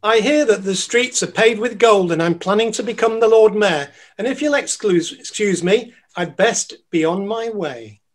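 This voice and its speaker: Lady doing a cheeky young panto traveller, hopeful, middling pitch. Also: lively intonation, moderate pace, lightly acted. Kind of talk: pantomime acting.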